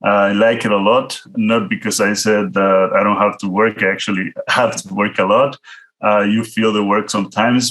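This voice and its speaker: Speaking at an online virtual event, a Salvadoran product manager with a Central American Spanish accent gives an informal, autobiographical talk about his career, addressing listeners directly. His voice sits on the low side with a fairly bright tone, and the audio is poor.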